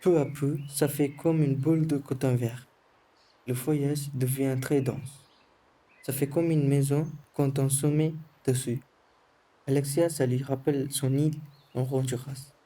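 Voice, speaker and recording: Teenage boy reading narration, very dark flat voice. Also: medium pitch, unhurried. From Sri Lanka. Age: teens. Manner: calm, careful reading, short phrases. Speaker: student narrator of a school film. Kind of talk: scripted voice-over narration.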